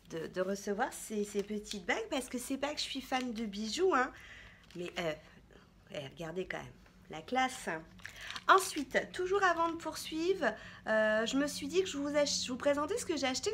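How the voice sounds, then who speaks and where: High-voiced chatty woman vlogger. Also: expressive, moderate pace, fairly bright tone, a little hiss or hum. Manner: chatty, hesitant with frequent fillers. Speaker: beauty vlogger. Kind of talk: casual haul vlog chat.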